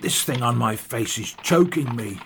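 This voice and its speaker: A man's voice: medium pitch, lively intonation, normal speed, creaky, slight background noise. A man reading an audiobook voices a proud, grave male former army captain who speaks in a dignified, solemn way. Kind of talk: audiobook character voice.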